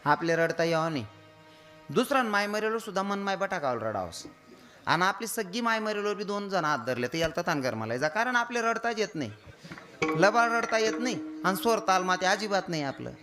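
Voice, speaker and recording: On stage, a kirtan preacher delivers a comic devotional sermon in a high, bright, forceful voice. He tells stories and mimics the wailing of women.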